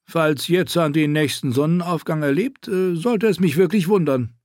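A man voicing a sly, sharp-tongued male dwarf slave who switches between mocking orders and servile pleading, in an audiobook. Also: fairly high pitch, moderate pace, no echo, studio quality, voice pushed up, natural voice. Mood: wry. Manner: alternates sarcastic orders with servile begging.

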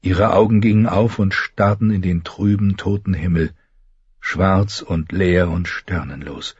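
A man narrating a fantasy audiobook in a dramatic, expressive way. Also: low-pitched, measured pace, slightly rough, no room sound, lo-fi sound.

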